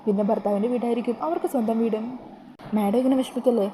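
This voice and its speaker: A woman voicing a respectful young male servant who talks gently and coaxingly. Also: fairly high pitch, steady tone, fast, a little hiss or hum, natural voice, low-quality recording.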